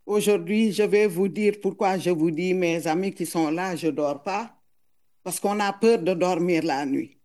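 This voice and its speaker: Accented middle-aged woman, slow earnest testimony, keeps repeating words while she looks for them. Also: on the low side, warm tone. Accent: foreign accent in French. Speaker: mother giving public testimony. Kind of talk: emotional public testimony.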